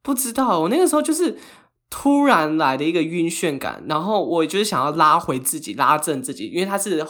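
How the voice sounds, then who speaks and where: A man's voice: on the high side, very animated, a little fast, a bit bright. A man co-hosting a podcast, telling a story in casual chat with frequent laughter and English phrases mixed in. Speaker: podcast co-host.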